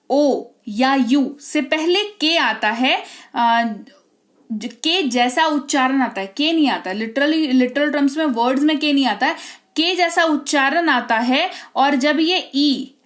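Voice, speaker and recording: A woman's voice: sits high, a bit bright. A woman, an English teacher explaining pronunciation rules step by step and often checking that her students follow.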